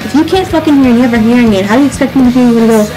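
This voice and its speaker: Female, late teens, fairly high-pitched. Exasperated comic ranter, sarcastic and foul-mouthed, acts out the people she complains about. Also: racing, over music, poor audio. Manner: sarcastic, exasperated, frequent swearing; animated, acts out customers' lines. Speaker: sandwich shop worker. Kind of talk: comedic rant to camera.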